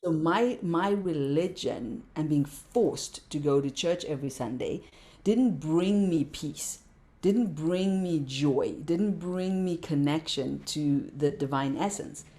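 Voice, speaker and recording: A woman with a low, mellow voice speaks as a podcast guest. She talks with passion and stacks up repeated words to drive her points home. She sounds middle-aged. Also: takes it slowly. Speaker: podcast guest, meditation teacher. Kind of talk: casual interview talk.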